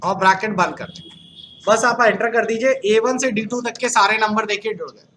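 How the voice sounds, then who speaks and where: A man's voice: high voice, fairly even intonation, moderate pace, pushed and bright, a little hiss or hum. A man from Uttar Pradesh teaching a computer class, quizzing the students and joking with them. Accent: Uttar Pradesh Hindi. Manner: asks the class questions, jokes with students. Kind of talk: classroom lecture.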